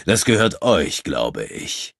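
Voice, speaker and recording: A man's voice: sing-song, slow pace, creaky, a bit bright, breathy edge, no room sound, studio quality, full character voice. A man voicing a menacing, scornful giant fighter who talks with mock politeness and a growl. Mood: sneering. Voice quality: deep growl.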